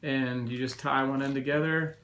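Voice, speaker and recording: A man speaks casually to his viewers in a personal vlog update while nursing a sore throat after surgery. His pitch sits in an ordinary male range and moves very little. He explains things in a loose, rambling, conversational way. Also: fairly even intonation, moderate pace, fairly bright tone, slight background noise, low-quality recording. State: recovering from tonsillectomy, sore throat. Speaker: video blogger.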